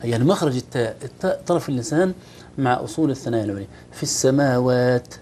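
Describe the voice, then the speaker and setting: A man explains Quran recitation at a quick clip, stopping to recite verses slowly. The recording carries a faint low rumble. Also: lively intonation, darkish tone. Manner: demonstrates recitation, then explains pronunciation. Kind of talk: teaching Quran recitation on a TV program.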